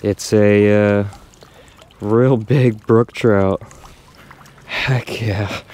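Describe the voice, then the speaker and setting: An angler on a small boat by a brook films his fishing trip, narrating a casual vlog to the camera outdoors. He speaks slowly in a low voice, relaxed and muttering to himself, with excited bursts whenever a fish bites.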